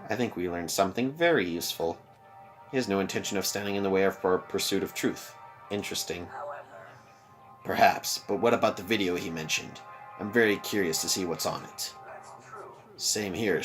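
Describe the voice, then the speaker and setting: A young man hosting a let's play, reading a visual novel aloud with expressive commentary. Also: low-pitched.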